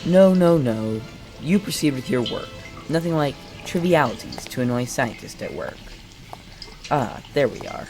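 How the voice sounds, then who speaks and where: A man's voice: medium pitch, expressive, normal speed, darkish tone, faint music behind, natural voice. An actor playing a courteous, avuncular male professor in a radio play, speaking in genteel, formal phrases. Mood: genial, courteous. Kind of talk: dramatic radio play acting.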